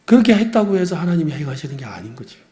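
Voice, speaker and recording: A man's voice: on the high side, big pitch swings, racing, warm tone. A middle-aged man, a pastor, preaching an earnest, confessional sermon with personal stories.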